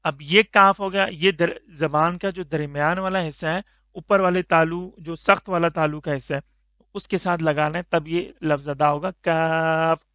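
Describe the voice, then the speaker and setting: A man's voice: a little high, steady tone, moderate pace, pushed and bright, no echo, clean studio sound. A man teaching Tajweed pronunciation of Arabic letters, patiently stretching each letter sound for the learner. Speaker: Quran recitation teacher.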